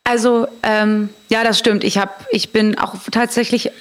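A woman's voice: fairly high pitch, flat delivery, unhurried. A woman from Germany talking casually as an interview guest, with a direct, candid way of telling her experiences. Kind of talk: casual conversational storytelling.

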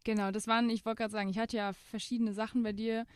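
A woman's voice: on the high side, little pitch movement, fast talker, clear, resonant tone, dry recording, studio quality. Chatty young woman hosting a podcast. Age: young adult. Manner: chatty, laughs easily. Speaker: podcast host. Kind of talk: casual interview.

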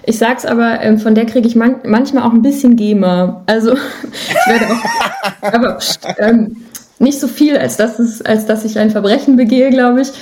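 A musician and songwriter appears as a guest on a casual podcast interview, telling stories in a chatty, informal way. Her voice is a little high with a darkish tone, at normal speed, and there's a slight hiss or hum in the audio.

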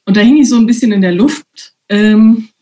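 A woman guest from Germany, speaking in a relaxed, hesitant way with many fillers in a casual conversation. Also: on the high side, normal speed, faint music behind.

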